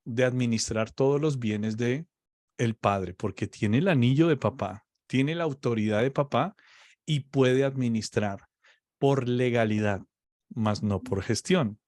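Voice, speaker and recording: A man's voice: medium pitch, a little mellow, dry recording, studio quality. A man teaching on faith in a conversation, explaining patiently and often checking "ok?" with his listener. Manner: slow, explaining, checks understanding with "¿ok?". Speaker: preacher.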